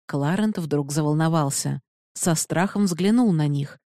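Audiobook narrator: woman, low mellow voice, measured delivery, dry close sound. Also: no room sound. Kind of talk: scripted narration.

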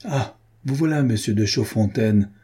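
A proud older cardinal, cool and ruthless, sure that he will win, as a man reads him. The voice has a dark, husky tone, in a storybook reading. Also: mid-range voice, measured pace. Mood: self-assured. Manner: cool, self-assured. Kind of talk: audiobook character reading.

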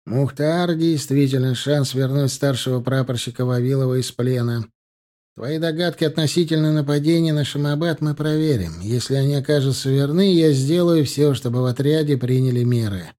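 A man voicing a calm, stern counterintelligence captain who speaks in an impassive, measured way. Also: close to an everyday voice. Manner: impassive, measured, slightly higher pitch.

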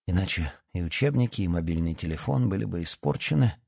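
A man narrating a story in an even, measured reading voice. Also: low-pitched, vocal fry, husky, no room sound, clean studio sound. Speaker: audiobook narrator.

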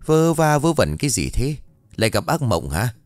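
A gruff older village husband scolding his wife, his voice rising and falling a lot as he grumbles, as a male narrator plays him in an audio storybook. The sound is dry and close, with faint music behind. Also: mid-range voice, sing-song, normal speed, dry recording, close to an everyday voice.

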